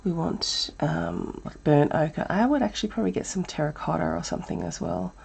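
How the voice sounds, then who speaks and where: Thinking out loud during an easygoing live drawing lesson, an Australian art teacher speaks briskly in a lowish voice. A chest cold leaves her sounding croaky and breathy.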